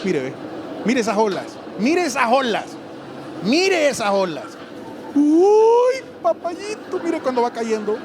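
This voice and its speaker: A man with a Honduran accent preaching a lively sermon, acting out voices and joking with the congregation. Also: high voice, normal speed, a crowd in the background, noisy background. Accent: Honduran Spanish. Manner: animated storytelling, acts out voices and jokes. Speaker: pastor. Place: church hall.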